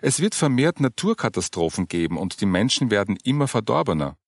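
Patient, earnest woman explaining gently, read by a low-voiced male audiobook narrator. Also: very animated, brisk, vocal fry, dry recording, clean studio sound, full character voice. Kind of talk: audiobook character reading.

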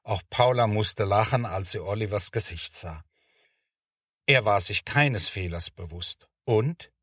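A man narrating a children's story as scripted narration, with measured storytelling. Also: lowish voice, a bit bright, no echo, clean studio sound, distant mic.

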